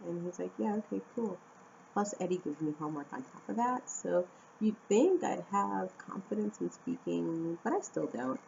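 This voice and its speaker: An animated American woman vlogging at home, low-voiced and chatty, jumping into high excited tones now and then. The recording sounds dull and lo-fi, with a faint hum behind her. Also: moderate pace, gravelly. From Phoenix, Arizona, USA. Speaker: vlogger and English teacher. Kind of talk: casual chat to camera. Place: at home indoors. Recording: dull lo-fi camera audio with faint room noise.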